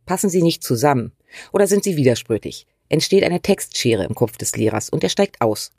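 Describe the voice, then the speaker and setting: A woman's voice: low voice, very animated, brisk, gravelly, dark tone, husky, no room sound, studio quality. A woman hosting a scripted writing tutorial, talking straight to the viewer in a direct, instructive way. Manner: direct and instructive, uses imperatives. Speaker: writing coach and channel host.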